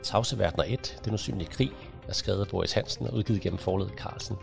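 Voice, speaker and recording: Deep, gravelly male audiobook narrator. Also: soft background music. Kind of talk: scripted narration.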